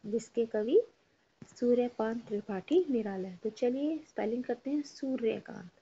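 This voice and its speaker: A woman's voice: a little high, lively intonation, normal speed, mellow, slight background noise. A woman teaching a Hindi lesson, patiently spelling out words syllable by syllable and having students repeat after her. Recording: dull lo-fi recording.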